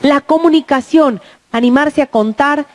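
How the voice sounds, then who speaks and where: A woman's voice: sits high, a little slow, a little mellow. A middle-aged woman talks to parents about protecting children and keeps checking in with her listeners. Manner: acts out children's and adults' voices in quoted speech; checks in with the audience with "¿mm?". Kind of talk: talk to parents.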